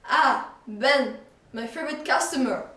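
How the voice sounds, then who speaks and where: A woman voicing a jolly, excitable male shopkeeper who stretches his words out for drama, in a storybook reading. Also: sits high, pitched above the performer's own voice. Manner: drawn-out, dramatic emphasis. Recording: echoey room, voice from far off.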